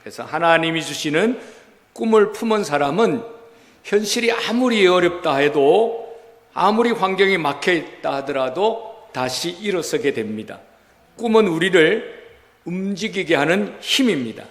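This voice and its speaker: A man's voice: high-pitched, expressive, unhurried. A male pastor preaching a Sunday sermon, exhorting the congregation and questioning them as he tells a story. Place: church sanctuary. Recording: reverberant church hall.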